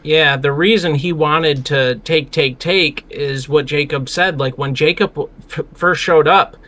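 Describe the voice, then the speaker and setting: A man with a bright, forceful voice chats casually as a podcast co-host. He retells old stories with lively slang and quick quoted asides, in an animated, easygoing way. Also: a little high. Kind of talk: casual Bible discussion.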